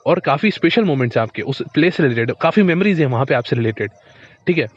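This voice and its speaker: Guy doing a motivational talk, talks straight to you like a buddy, repeats stuff, voice sits kinda high, muffled lo-fi recording. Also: lively intonation, quick pace. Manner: direct, repeats points, addresses the listener as a friend. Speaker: motivational speaker. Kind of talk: casual advice monologue. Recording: dull lo-fi recording.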